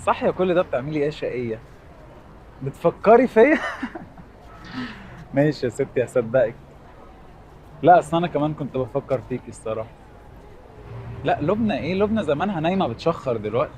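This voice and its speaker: A man's voice: on the high side, animated, a little fast, long pauses, darkish tone, slight background noise, close to an everyday voice. A man playing a sleazy, flirty Egyptian husband. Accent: Egyptian Arabic. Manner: smooth-talking, evasive and flirty. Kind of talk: TV comedy series acting.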